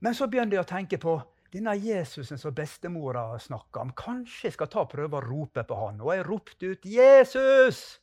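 A man's voice: a little high, big pitch swings, hardly any pauses, darkish tone. A man giving a spoken testimony and a fervent prayer as a preacher on a podcast.

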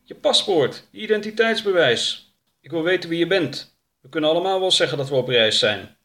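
A man voicing a stern, suspicious man of about fifty in a storybook reading, gruff and commanding. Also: fairly high pitch, expressive, fairly quick, bright, forceful tone, pitched above the performer's own voice.

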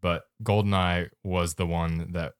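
A man co-hosting a casual gaming podcast, reminiscing in a relaxed, unhurried way. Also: deep voice, clean tone, no echo, clean studio sound. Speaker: podcast co-host. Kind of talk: casual chat.

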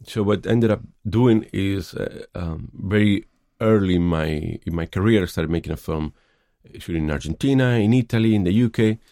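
Thoughtful and hesitant, a Spanish film director in middle age fills his interview answers with pauses and fillers. His voice is deep, mellow and gravelly with a Spanish accent, recorded close-up with a dry sound.

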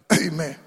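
A man preaching a sermon as pastor, rising into shouts and call-and-response in a church. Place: church sanctuary. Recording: long hall reverb.

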